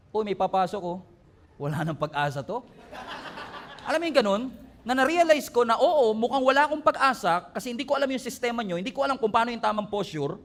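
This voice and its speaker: High-pitched guy pastor preaching, gets loud and emphatic then jokey. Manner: preaching in mixed Tagalog and English, rising to emphatic peaks; humorous storytelling with laughs. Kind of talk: sermon.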